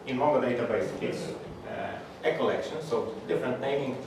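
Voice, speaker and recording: A man's voice: medium pitch, a little fast. Polish-accented man giving a talk in an echoey hall. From Poland. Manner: plain, hesitant delivery with frequent fillers and restarts. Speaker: conference speaker. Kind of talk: technical conference talk. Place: large echoey conference room. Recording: echoey hall, distant, audible background noise.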